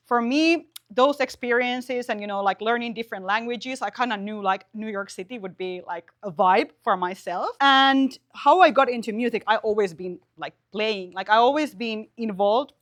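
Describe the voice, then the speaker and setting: A woman's voice: a little high, a bit bright. A young woman from Finland, talking casually in an interview as a musician, full of slang and "like". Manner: slangy, filler-heavy, uses "like" constantly. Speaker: musician guest.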